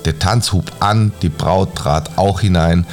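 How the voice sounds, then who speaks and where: A man calmly reading a fairy tale aloud as a bedtime story, in a measured storytelling manner. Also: deep voice, faint music behind.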